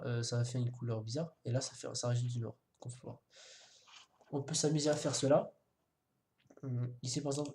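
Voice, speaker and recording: Over keyboard typing and mouse clicks, a man with a warm, mid-range voice talks through a screen-recorded coding tutorial, with a little hiss or hum on the track. He's casual and hesitant, full of fillers and restarts, and now and then pokes fun at himself.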